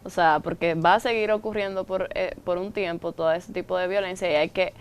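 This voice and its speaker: A Dominican woman speaks as a guest on a studio talk show, earnest and searching for her words as she goes. Her voice is fairly low for a woman and has a smooth, clear tone. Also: fairly even intonation, brisk. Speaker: guest, youth campaign member.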